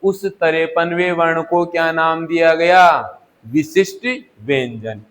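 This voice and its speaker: A man's voice: fairly high pitch, takes it slowly, a bit bright. A male Hindi teacher in a classroom lesson, asking questions and answering them himself, repeating key words. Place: coaching classroom.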